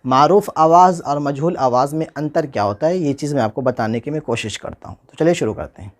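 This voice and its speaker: Fairly high-voiced man teaching letters. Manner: explains step by step, repeating and spelling out letters slowly. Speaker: teacher and channel host. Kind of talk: informal spoken lesson.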